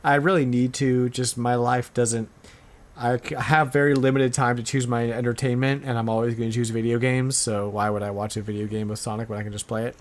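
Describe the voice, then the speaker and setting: A podcast host with a medium-pitched voice talks briskly and with fairly even intonation. The casual chat is informal and emphatic, and he repeats himself to make a point.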